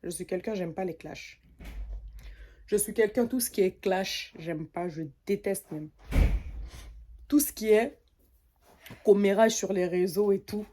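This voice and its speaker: A young woman from French Guiana telling an animated, indignant story in a casual rant. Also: medium pitch, unhurried, pauses often. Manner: animated, indignant, mimics others' voices. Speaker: content creator.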